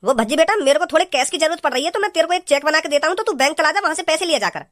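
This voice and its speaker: A voice actor doing a fast-talking, bossy cartoon father. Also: sits high, expressive, fairly bright tone, dry recording, studio quality. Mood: coaxing. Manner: quick, scolding, threatening. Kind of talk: cartoon comedy voice acting.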